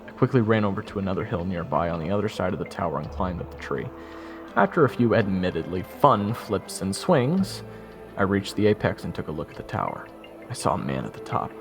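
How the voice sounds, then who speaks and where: Fairly quick and animated, a low male voice narrates a first-person fantasy audio drama as an eager yet nervous young soldier, wry and self-deprecating, with orchestral game music underneath.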